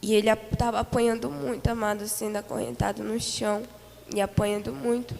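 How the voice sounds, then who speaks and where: A woman's voice: on the high side, level tone, brisk, vocal fry, a little mellow, long reverb tail, slight background noise. A Brazilian woman giving an earnest church testimony, telling her story with many fillers and repetitions. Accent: Brazilian Portuguese. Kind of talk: spoken testimony of a vision. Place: church hall.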